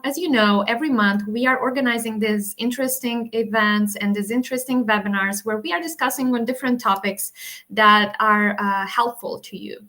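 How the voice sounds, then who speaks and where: A woman's voice: a little high, pushed and bright. A woman, an education advisor, hosting and introducing an online webinar in a chatty way with frequent fillers. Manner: chatty, repeats herself, many fillers.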